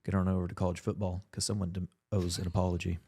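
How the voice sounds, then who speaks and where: A young man co-hosting a casual sports podcast, animated and teasing, quick to cheer or boo. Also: deep voice. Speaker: podcast co-host.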